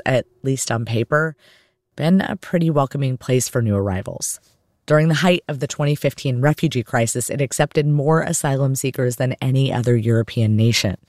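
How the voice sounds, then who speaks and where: A woman's voice: extremely low pitch, darkish tone, no room sound, studio quality. Woman hosting a narrated podcast. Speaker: podcast host. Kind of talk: scripted narration.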